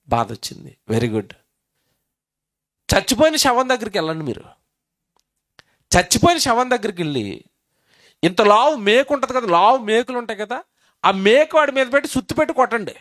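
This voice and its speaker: A man's voice: high-pitched, a bit bright, no echo, studio quality. A male pastor from Andhra Pradesh with a Telugu accent, preaching a sermon in an emphatic way, asking the congregation questions and repeating phrases.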